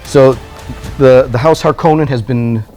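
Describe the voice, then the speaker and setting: A man's voice: medium pitch, unhurried, mellow, soft background music. A man co-hosting a casual movie review chat, blunt and jokey, swearing freely, with a dry, strained throat. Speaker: podcast co-host.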